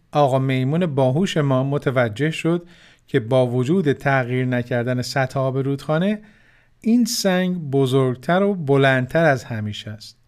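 A man narrating a children's story, gently addressing the children who listen. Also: mid-range voice. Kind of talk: scripted narration.

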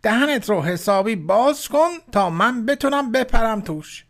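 A man's voice: sits high, expressive, fairly bright tone, voice pushed up. A man voicing a clever, cautious male monkey in a children's story, sly and playful.

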